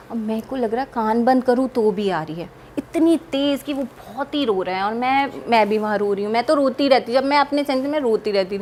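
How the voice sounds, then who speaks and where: Animated young woman telling a ghost story. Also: a little high, a little hiss or hum. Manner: animated, vivid storytelling with quoted dialogue. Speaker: guest. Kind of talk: recounting a personal paranormal experience in an interview.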